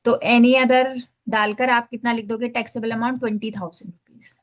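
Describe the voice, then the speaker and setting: In a screen-share lesson, a female teacher leads students step by step through a tax filing form, blending English phrases into Hindi and repeating "ठीक है" to check in. Her voice is on the high side, level in tone, and brisk.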